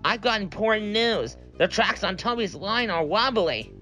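A man's voice: high-pitched, lively intonation, moderate pace, pushed and bright, pitched above the performer's own voice. A man voicing a small, earnest young male engine who talks in an eager, pleading way, with music behind.

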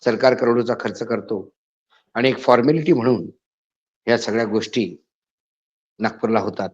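A man's voice: lowish voice, darkish tone. A man giving an indignant spoken editorial, his voice rising to emphatic outbursts. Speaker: political commentator. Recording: slightly dull lo-fi audio.

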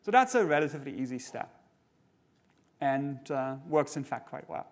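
A man's voice: medium pitch, sing-song. Man giving a conference keynote on stage. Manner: explanatory, measured, with frequent fillers and restarts. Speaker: keynote speaker. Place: large conference hall stage.

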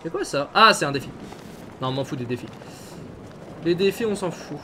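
Chatty high-voiced French gaming streamer. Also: male voice, expressive, a little fast, sharp tone, a little hiss or hum. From France. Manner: chatty, swears, talks to viewers. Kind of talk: let's play commentary. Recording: game sound mixed behind voice.

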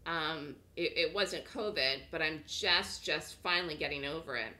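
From her home office, a woman presents a webinar for her trading course at a normal speed. Her lowish voice is bright and forward, with a touch of post-cold hoarseness. Chatty and repetitive, she keeps asking listeners "okay?" as she makes her pitch.

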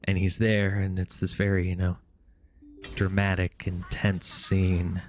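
A man's voice: low-pitched, completely flat delivery, a little slow, a little hiss or hum. A man chatting casually on a gaming live stream, rambling with frequent fillers and restarts.

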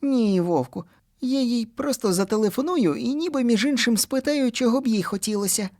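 A man voicing an excitable, earnest young boy in a children's audiobook. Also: fairly quick. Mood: excited. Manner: high, lively boyish voice.

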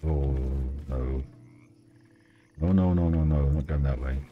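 A man doing a video game playthrough, reading text aloud and commenting in an unhurried, low-key way. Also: phone-quality sound. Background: game music.

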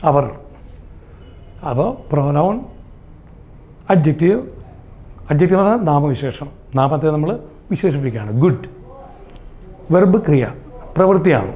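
A man's voice: a little high, animated, normal speed, long pauses, dark tone. A man with a Malayali accent teaching English grammar, asking the class questions and then answering them himself. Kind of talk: explaining grammar in a lesson.

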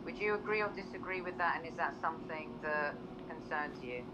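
A woman reporter with a notably low voice puts a deliberate question to a coach at a press conference. Her audio comes through dull and lo-fi, with loud background noise over it.

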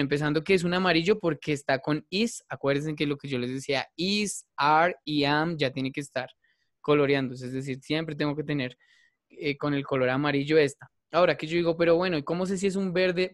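A man's voice: on the high side, fairly even intonation, fairly quick, dry recording, studio quality. A man teaching an English grammar class, explaining patiently and repeating himself, often checking in with his students. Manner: patient, repetitive, checks in with "¿listo?".

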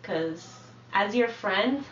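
Soft-spoken young woman, bright, echoey room. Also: mid-range voice, animated, extremely slow. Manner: hedging, filler-heavy, soft-spoken. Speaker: content creator on a live reality stream. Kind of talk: casual chat. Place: indoor room in a reality house. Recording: echoey room, distant from mic, dull lo-fi, faint hiss.

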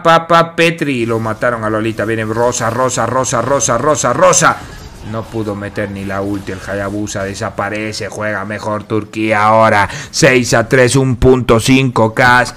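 Bright, excited Latin American male esports commentator. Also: medium pitch. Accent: Latin American Spanish. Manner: repeats names and phrases in bursts, exclaims; foul-mouthed, slangy, exasperated ribbing of players. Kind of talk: excited play-by-play game commentary, like a fighting game announcer.

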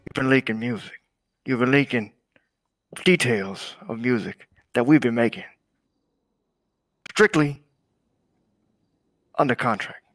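A man's voice: medium pitch, a little slow, long pauses, a bit bright, no echo. A man playing an intense, menacing, aggrieved music boss in an improvised crime game role-play, brooding and repeating himself for effect. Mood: brooding menace.

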